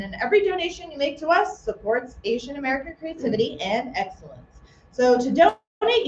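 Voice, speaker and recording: A woman's voice: high voice, a little hiss or hum. A woman emceeing a live arts festival from a theater stage, chatty and upbeat with self-joking asides, speaking into a stage microphone. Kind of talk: live event announcements. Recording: echoey, muffled live room sound.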